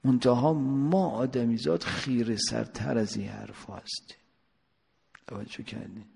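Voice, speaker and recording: A man's voice: medium pitch, fairly even intonation, gravelly, warm tone, slightly rough. A man preacher giving a sermon, telling a story and asking his listeners rhetorical questions, with a long hall reverb. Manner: rhetorical questions, drawn-out emphasis.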